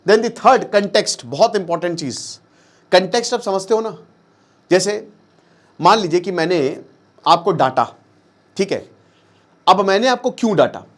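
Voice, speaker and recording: A man with a fairly high-pitched voice explains a lesson in a relaxed, chatty way. He mixes English terms into his speech and keeps checking that the listener is following. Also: measured pace, long pauses. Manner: conversational, checks in with the listener often. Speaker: teacher.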